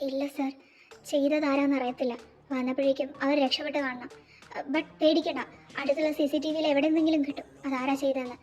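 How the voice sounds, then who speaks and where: A woman's voice: high-pitched, level tone, fast talker, a little mellow, voice pushed up, lightly acted. A woman voicing an apologetic male police officer in a fan fiction audio drama, hesitant and deferential. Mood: reassuring. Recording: dull lo-fi with faint music.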